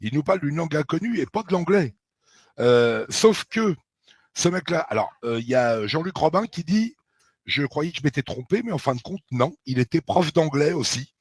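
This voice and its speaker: Husky, emphatic man talking casually. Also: fairly high pitch, normal speed, no echo. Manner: animated, emphatic, with frequent fillers and asides. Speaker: researcher of a historical mystery. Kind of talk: casual conversation.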